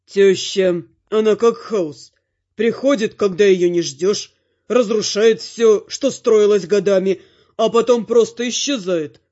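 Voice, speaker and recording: A man's voice: high-pitched, slow, a little mellow, muffled recording. Grumbling resigned father, read by a man. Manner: grumbling, indignant.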